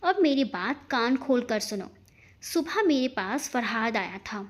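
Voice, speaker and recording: In an audio storybook, a woman narrator voices a stern middle-aged aunt with a high pitch. The aunt is taunting, scolding with biting sarcasm and a sharp, no-nonsense temper, delivered in an animated but slightly slow way.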